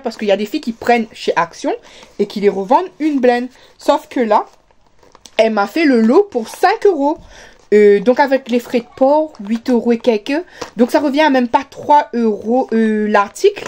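A vlogger with a Réunion French accent chats casually to the camera while unboxing parcels, her talk full of fillers and restarts. Her voice is on the high side and a little mellow.

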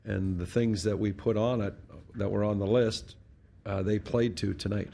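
A middle-aged Canadian hockey head coach fields reporters' questions at a post-game press conference, speaking into a desk mic on a stand in front of a sponsor backdrop. His voice is on the low side, steady, creaky and dark, at a normal speed. He's blunt and matter-of-fact, often restarting words.

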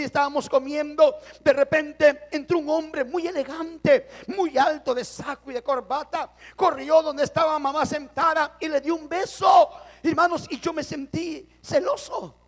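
A man from El Salvador giving an impassioned testimony sermon, addressing the congregation as brothers. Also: very high voice.

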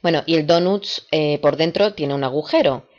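Woman, low voice, patient language teacher, slow repetitions, dull lo-fi sound. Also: darkish tone. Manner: patient, repeats words slowly for imitation. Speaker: English teacher for parents. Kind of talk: video lesson, explaining and drilling words. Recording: dull lo-fi recording.

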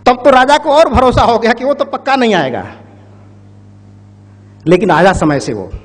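Male public speaker, high-pitched, storytelling, addresses the crowd directly, reverberant hall. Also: sing-song, moderate pace. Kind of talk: motivational speech with a parable. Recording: echoey hall.

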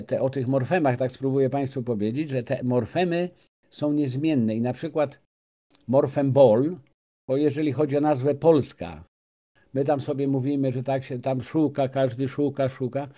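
Halting man, mellow voice. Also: mid-range voice. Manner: halting, many restarts and filler sounds. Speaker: guest speaker. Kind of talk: lecture-style talk to an audience.

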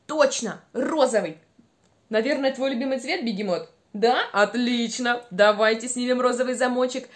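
A young woman with a high voice leads small children through speech exercises. She is playful and encouraging, animated in delivery, and over-enunciates her words. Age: young adult. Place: small room at home by a window.

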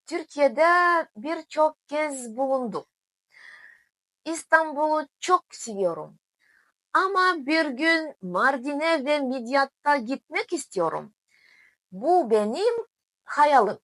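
A woman with a foreign accent speaking simple, halting learner's Turkish with small grammar slips, in a casual video diary. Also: high voice, lively intonation, fairly bright tone, dry recording. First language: not Turkish. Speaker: vlogger.

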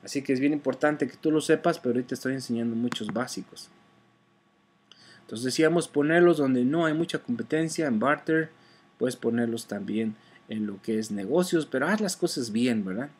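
A man's voice: medium pitch, normal speed, husky. A man teaching car sales in a casual, conversational way, often checking in with his listener and correcting himself as he goes. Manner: conversational, often adds "¿verdad?"; frequent fillers and self-corrections. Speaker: online sales instructor.

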